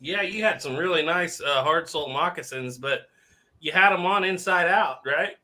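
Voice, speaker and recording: Easygoing male host, bright upbeat voice, casual storyteller on a video call. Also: a little high, normal speed, rough recording. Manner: laughs often, easygoing storyteller. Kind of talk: casual chat.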